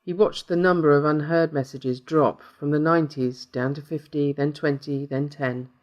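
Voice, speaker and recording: A man narrating a short horror story in a steady, measured way. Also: a little high, lo-fi sound.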